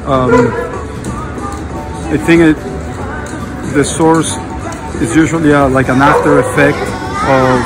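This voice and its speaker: A middle-aged man answering a street interview reflectively, searching slowly for his words. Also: mid-range voice, fairly even intonation. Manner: thoughtful, hesitant, searching for words. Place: outdoors at a street corner. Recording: loud music and crowd on street.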